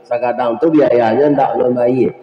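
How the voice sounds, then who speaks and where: A man from West Sumatra with a Minangkabau accent gives a humorous sermon as a preacher. He tells the story lively, jokes, and talks straight to the congregation at a mosque gathering. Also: medium pitch, measured pace. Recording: dull lo-fi sound, echoey hall.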